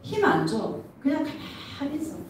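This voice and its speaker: A middle-aged woman pastor preaching an animated sermon, laughing often and asking the congregation questions. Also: high voice, normal speed, a little hiss or hum. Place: church sanctuary. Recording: echoey church from a distance.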